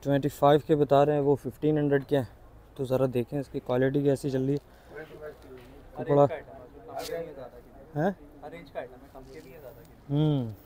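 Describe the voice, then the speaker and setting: With a crowd audible behind him, a man from Pakistan tours an outdoor city market on a handheld phone camera for his casual walking vlog, eagerly chatting and checking prices with shopkeepers. He has a mid-range voice with little pitch movement, a moderate pace, and long pauses.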